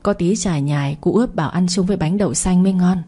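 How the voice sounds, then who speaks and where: Polite middle-aged village relatives answering plainly, as a woman reads them. A dark, husky, low voice. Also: fast talker.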